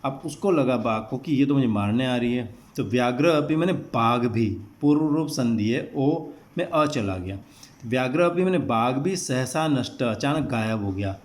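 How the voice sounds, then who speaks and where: A male teacher explaining a classroom text line by line, slowly glossing each word and repeating meanings. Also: mid-range voice, expressive. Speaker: Sanskrit teacher.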